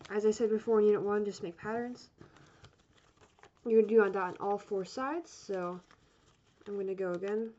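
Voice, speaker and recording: Medium in pitch and normal in speed, this origami teacher pauses often as she walks through a step-by-step craft. Her tone is chatty and rambling, frequently apologetic and self-correcting. The recording sounds dull and lo-fi, with steady background noise.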